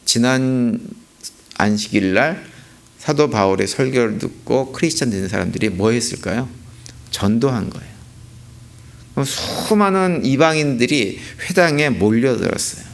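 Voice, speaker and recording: A man's voice: medium pitch, lively intonation, normal speed, gravelly. A man preaching a sermon as a pastor, asking rhetorical questions and repeating key points for emphasis. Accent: Korean. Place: church sanctuary.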